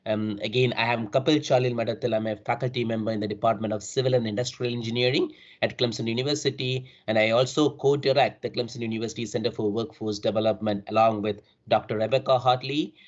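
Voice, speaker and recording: A man's voice: mid-range voice, fairly even intonation, fast talker, hardly any pauses. A middle-aged man with a South Indian accent gives an online academic presentation, often adding tags like "right?" to his sentences. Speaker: university faculty member presenting. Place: remote online call. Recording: dull, band-limited online call audio.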